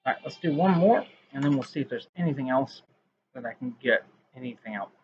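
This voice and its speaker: A man's voice: mid-range voice, a little fast, music in the background. Rambling man reading poems, lo-fi sound. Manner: rambling, self-mocking asides between poems. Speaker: poet reading his own poems. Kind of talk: casual poetry reading vlog.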